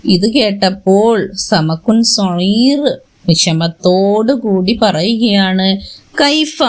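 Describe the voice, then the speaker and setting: A woman teaching an online class, slowly explaining a story line by line and mixing in English words. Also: lowish voice.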